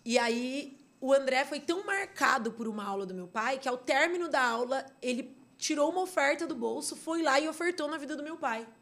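A woman's voice: high voice, lively intonation, fairly quick, hardly any pauses, a bit bright. Fields: Brazilian woman, earnest storyteller. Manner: earnest, many restarts and fillers. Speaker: podcast guest. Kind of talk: personal storytelling.

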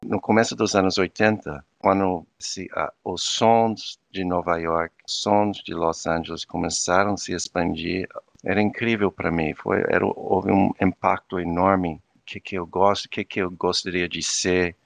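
Guest, 50s man, low gravelly voice, dry sound. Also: fairly even intonation, moderate pace, no room sound. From United States. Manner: thoughtful, searching for words. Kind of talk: reflective interview talk.

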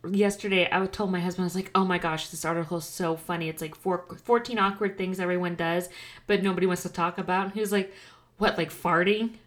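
A woman's voice: lowish voice, steady tone, quick pace. A woman in her thirties chats casually as a co-host. She rambles a little, full of fillers, and pokes fun at herself. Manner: chatty, filler-heavy, self-deprecating. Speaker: podcast co-host. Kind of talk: casual chat.

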